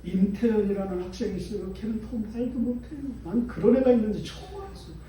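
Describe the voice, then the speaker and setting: A man pastor preaching a sermon with impassioned swings between loud declarations and hushed storytelling. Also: sits high, quick pace, a little hiss or hum. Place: church sanctuary. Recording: echoey hall, distant mic, faint ambience.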